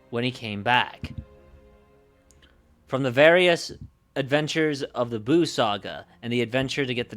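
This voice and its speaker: Over background music, a male game master on a livestream reads out story recaps and chats, frequently going back to repeat or fix his words. He has a medium-pitched, slightly bright voice.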